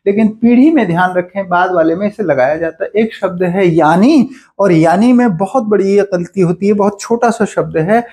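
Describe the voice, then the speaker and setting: Higher-voiced Hindi teacher explaining spelling. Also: male voice, a little mellow. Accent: Uttarakhand Hindi. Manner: explanatory, repeats words slowly to contrast spellings. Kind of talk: exam-prep spelling lesson.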